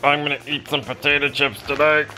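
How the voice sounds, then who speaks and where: A man in his thirties chatting casually and playfully as a vlog co-host, recorded on a camera at arm's length indoors. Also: mid-range voice. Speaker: vlog co-host doing a taste test. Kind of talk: casual chat. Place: living room couch, indoors.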